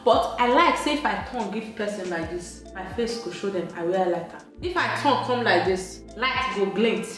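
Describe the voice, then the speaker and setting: Playful and emphatic, this woman talks her way through a makeup tutorial in Nigerian Pidgin-accented English as a beauty vlogger. Her mid-range voice is expressive and a bit bright at a moderate pace, while the very echoey room carries soft background music.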